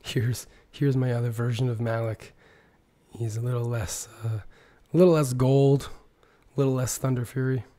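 Guy doing gaming news, sick with sore throat, voice hoarse and mostly lost, kinda dark soft tone. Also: medium pitch, fairly even intonation, normal speed. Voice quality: hoarse, strained, breaking into whisper. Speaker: gaming video host. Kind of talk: casual gaming news commentary over screen capture.

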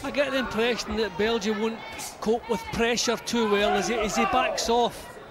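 A man's voice: high-pitched, steady tone, normal speed. A man giving coaching-style expert analysis during a live boxing fight. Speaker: boxing pundit. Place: ringside at an indoor boxing arena. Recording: loud arena crowd behind.

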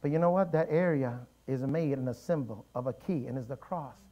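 A man preaching a sermon in a church, with animated storytelling and emphatic repetition. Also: medium pitch, brisk, highs cut off. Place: church sanctuary.

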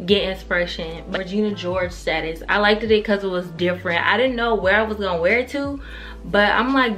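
A young woman films a fashion try-on vlog in a carpeted bedroom, talking casually and frankly with slang and swearing while music plays. Her voice is medium-pitched and fairly bright.

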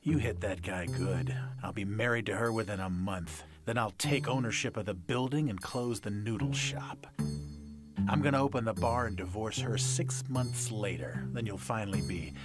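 An actor voicing a scheming young male con man in an animated series, smooth and charming on the surface and snarling when crossed. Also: lowish voice, normal speed, close to an everyday voice. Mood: gloating. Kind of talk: anime dub acting. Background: loud music.

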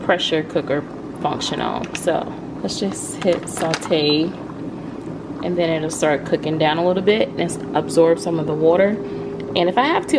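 A woman in her thirties hosts a home cooking vlog, chatting informally and thinking aloud while she cooks in her kitchen. Her voice sits low with vocal fry. The camera audio is very noisy.

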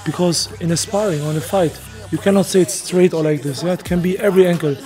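A man hosting a casual travel vlog, narrating with enthusiasm and tossing in "boom" now and then. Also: steady tone, fast, mellow. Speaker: vlog host. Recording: music clearly underneath.

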